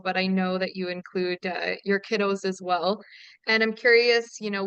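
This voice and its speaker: A woman's voice: medium pitch, a bit bright, clear, resonant tone, no room sound. A woman from Ontario hosting a webinar interview, affirming and asking questions with many fillers over a video call. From Ontario, Canada. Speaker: webinar host. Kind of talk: casual interview conversation.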